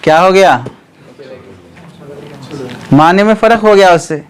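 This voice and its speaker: A man teaching Arabic grammar, explaining step by step, asking students questions and often clearing his throat. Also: high-pitched, measured pace. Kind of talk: classroom lecture.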